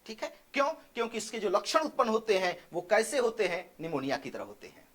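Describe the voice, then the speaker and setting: A male coaching teacher with a high voice gives an exam-prep biology class. He asks his own questions and answers them, drawing key terms out slowly and repeating them. Quick check-ins of "theek hai" come after almost every point. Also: sing-song, fairly bright tone.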